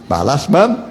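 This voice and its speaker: A man preaching an interactive sermon, quizzing the congregation, joking and repeating key words. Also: high-pitched. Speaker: pastor. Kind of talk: interactive sermon with call and response. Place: church hall. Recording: echoey church hall with faint noise.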